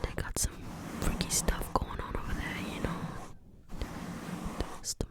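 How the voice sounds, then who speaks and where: An ASMR creator giving an opinionated ramble in a soft, breathy whisper, repeating words and phrases deliberately.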